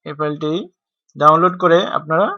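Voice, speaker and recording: A man's voice: fairly high pitch, little pitch movement, fairly quick, no room sound. A man gives a screen-recorded typing tutorial, explaining step by step and spelling out keys letter by letter. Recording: dry, dull lo-fi home recording.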